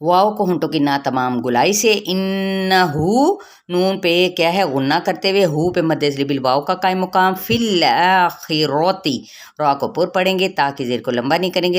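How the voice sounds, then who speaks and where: A woman with an Urdu accent teaching Quran pronunciation rules, reciting words slowly and then explaining each rule. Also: lowish voice. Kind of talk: tajweed lesson with slow recitation.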